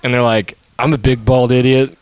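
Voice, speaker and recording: A man's voice: medium pitch, little pitch movement, moderate pace, clear, resonant tone, no echo. Joking, foul-mouthed man in his thirties. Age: 30s. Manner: joking, swears freely, playful teasing. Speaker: podcast co-host. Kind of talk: casual chat.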